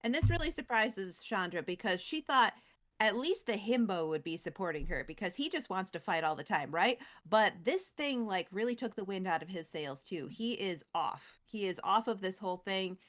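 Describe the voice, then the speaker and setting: A woman co-host recapping a story in casual chat, animated and full of fillers. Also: mid-range voice, normal speed.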